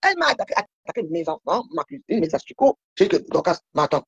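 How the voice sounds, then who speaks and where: A woman's voice: on the low side, sing-song, fast talker, gravelly, husky, no echo, muffled recording. A woman guest on a live stream, complaining in a heated, repetitive way. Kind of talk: casual live-stream chat.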